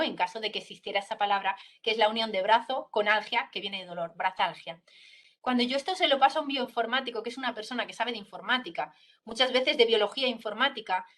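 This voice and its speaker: A woman's voice: a little high, fairly bright tone. A woman doctor explaining a topic to students step by step, checking in often with her listeners. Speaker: pediatric neurologist giving a talk to students. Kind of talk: explanatory school talk.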